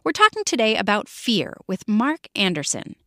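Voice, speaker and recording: A woman hosting a kids' science podcast, reading scripted narration in a clear, expressive way. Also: medium pitch, moderate pace, no echo, studio quality. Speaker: podcast host.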